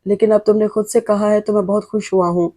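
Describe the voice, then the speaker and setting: A woman's voice: medium pitch, flat delivery, mellow, lightly acted. A woman reading a guilt-ridden tender husband. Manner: pleading, emotional.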